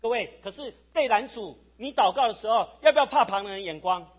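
A male pastor preaching a lively sermon to his congregation, asking them questions as he goes. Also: high voice, brisk, slightly rough, muffled recording. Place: church sanctuary.

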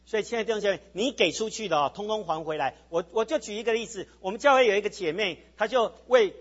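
High-voiced husky preacher, animated. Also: male voice, fast, dull audio. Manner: animated preaching, asks the congregation questions. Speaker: pastor. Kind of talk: sermon. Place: church sanctuary.

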